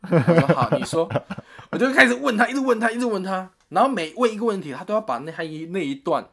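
Fast-talking man. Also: high-pitched, vocal fry. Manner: animated retelling with quoted voices and laughs. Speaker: storyteller in a chat. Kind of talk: casual chat.

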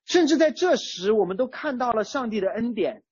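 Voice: medium pitch, lively intonation, a little fast, a little mellow, slightly rough, no echo, lo-fi sound. A preacher giving a sermon in a conversational way, using everyday examples. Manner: conversational, uses everyday chat-group analogies. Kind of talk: sermon on a psalm.

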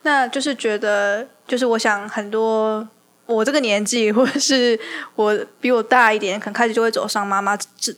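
A woman's voice: fairly high pitch, fairly even intonation, normal speed, a bit bright. A young woman, a podcast guest asking questions hesitantly, with many restarts. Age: young adult. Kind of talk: casual interview questions.

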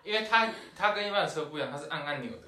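A young man, co-hosting a podcast with quick, joking banter and casual stories. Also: fairly high pitch, animated, heavy background noise. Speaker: podcast co-host. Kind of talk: casual chat storytelling. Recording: roomy echo.

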